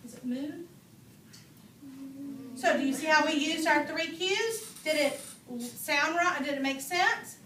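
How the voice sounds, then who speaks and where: A woman teacher reading a picture book aloud to a class, slow and expressive, asking playful questions. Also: high-pitched. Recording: echoey classroom from far off, noisy.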